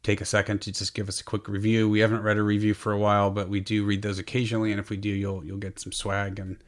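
A man hosting a podcast in casual chat, halting and repeating words as he goes. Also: fairly low pitch, monotone. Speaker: podcast host.

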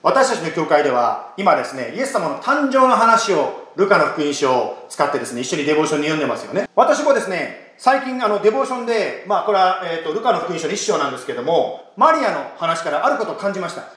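A man, a pastor, giving an emphatic, animated sermon and leading a prayer. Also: fairly high pitch, fast, hardly any pauses. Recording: echoey room.

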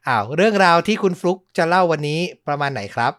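A man's voice: fairly high pitch, big pitch swings, fast, a bit bright, no room sound, studio quality. A man hosting a podcast, chatting casually in a playful, teasing way. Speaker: podcast host.

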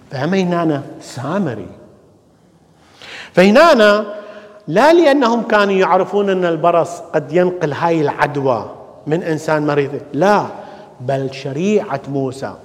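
Animated Iraqi priest preaching in reverb. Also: male voice, on the high side. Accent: Iraqi Arabic. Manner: animated preaching with rhetorical questions and repetition. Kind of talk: sermon. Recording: long church reverb.

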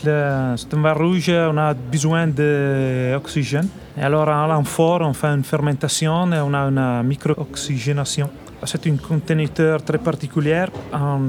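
A man from Italy speaking French with an Italian accent, a winemaker answering radio interview questions and often restarting as he searches for words. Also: a little high. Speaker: winemaker guest.

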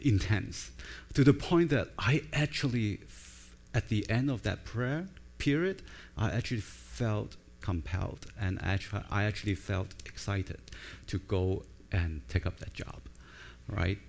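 A middle-aged pastor from Hong Kong, a native Cantonese speaker with a Cantonese accent, preaches a conversational sermon in a low, gravelly, darkish voice, a little slowly. He informally checks in with listeners using frequent tags like "right?" and "okay?".

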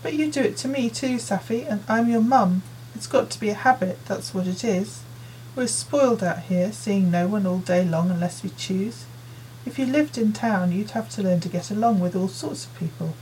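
A woman voicing a busy working mother who fusses and hands out chores in a brisk, nagging way, read as an audiobook character. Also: medium pitch, darkish tone, a little hiss or hum, lightly acted, rough recording. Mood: coaxing. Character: busy, fussing working mother in her forties.

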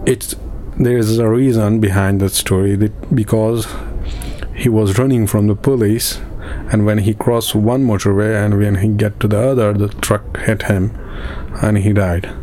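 A man from Afghanistan, giving halting personal testimony in an interview, with many pauses and restarts. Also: fairly low pitch, steady tone, warm tone, a little hiss or hum. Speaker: interviewee, refugee in a camp.

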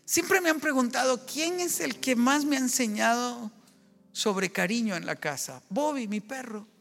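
A man who is a pastor, preaching a sermon at a family conference, moving from lively, loud storytelling to a hushed, slow prayer. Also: very high-pitched, vocal fry, faint music behind.

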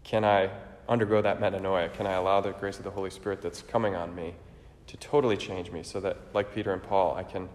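A priest celebrating Mass, reciting the liturgy in a steady, measured way, his voice ringing with a cathedral echo. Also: low-pitched, slight background noise. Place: large church. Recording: echoey church with long reverb.

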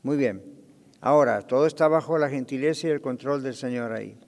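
A man's voice: mid-range voice, a little fast, long reverb tail. A man, a pastor, teaching a Bible study lesson, explaining and checking in with his class. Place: church.

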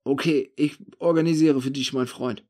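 A man's voice: mid-range voice, steady tone, normal speed, darkish tone, voice pushed up, lightly acted. A man voicing a nervous, shifty male street thief of about forty who speaks in broken German, agitated and pleading. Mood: haggling.

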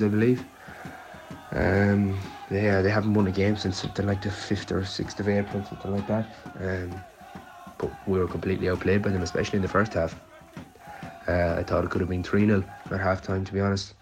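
Low-voiced man with a west of Ireland accent. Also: vocal fry, low-quality recording. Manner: downbeat, exasperated, blunt and sweary. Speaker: football supporter sending a voice note. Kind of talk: casual voice note, sweary fan rant.

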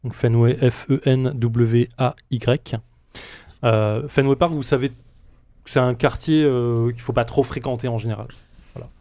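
A man narrates a tabletop role-playing session as game master. He explains the scene at a medium pitch, pausing on frequent fillers. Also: fairly even intonation, mellow.

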